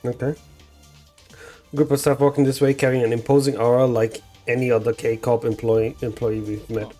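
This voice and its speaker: A man's voice: medium pitch, little pitch movement, normal speed, dark tone, soft background music. A man streaming a game live, casually chatting, swearing and reading the lines aloud in translation.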